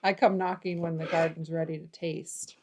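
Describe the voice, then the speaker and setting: A woman's voice: deep voice, little pitch movement, normal speed, darkish tone, slightly rough. A young woman, the host's daughter, chatting playfully as a guest and repeating phrases for fun. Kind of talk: casual chat.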